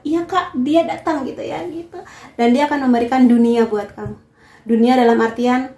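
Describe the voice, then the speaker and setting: A woman with an Indonesian accent talks her viewers through a tarot reading in a warm, encouraging, chatty way, slipping English words into her speech. Her voice sits a little high. The room around her is noticeably echoey. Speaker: tarot reader. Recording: roomy echo.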